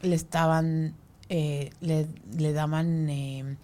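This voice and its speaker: A woman sharing an emotional personal story as a guest, speaking haltingly and dropping almost to a whisper at tender moments. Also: low-pitched, level tone, warm tone.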